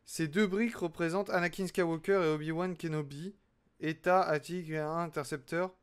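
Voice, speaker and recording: A man's voice: a little high, steady tone, moderate pace, clean tone. A young man chatting casually with his live-stream audience as he builds, chatty and self-mocking. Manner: chatty, self-mocking, talks to chat while working.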